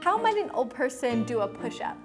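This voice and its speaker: Female interviewer, high voice, friendly and directive, music bed underneath. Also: very animated, brisk. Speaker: video interviewer. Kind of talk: interview prompts.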